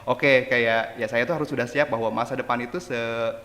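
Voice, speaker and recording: A man's voice: mid-range voice, fairly even intonation, a bit bright, big-room sound. A man in his forties hosting a casual podcast, chatty, dropping English phrases into his talk. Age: 40s. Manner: quick, chatty, mixes in English phrases, laughs often. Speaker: host.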